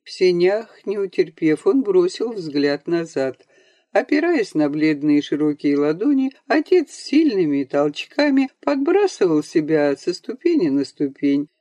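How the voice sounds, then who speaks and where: A reader narrating a literary audiobook in an expressive, measured way. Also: mid-range voice, dry recording.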